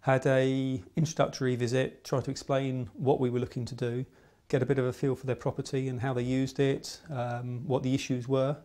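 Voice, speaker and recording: A middle-aged English man talks through a project in a documentary interview. His delivery is measured and explanatory, recorded indoors in a quiet room. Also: medium pitch, flat delivery. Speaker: project manager.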